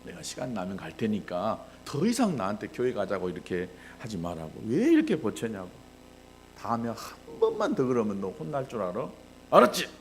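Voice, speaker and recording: A male pastor voicing a busy, irritated father who scolds his son, in a gravelly voice. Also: lowish voice, huge pitch swings, normal speed, darkish tone, a little hiss or hum. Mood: angry. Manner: scolding, gruff.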